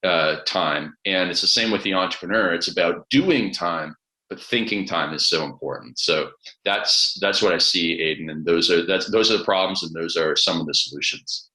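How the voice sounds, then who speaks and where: A man's voice: sits low, normal speed, sharp tone. A man coaching in a conversational way, explaining step by step with acted-out examples, in a roomy, echoing recording. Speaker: coach and author, guest. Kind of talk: conversational advice.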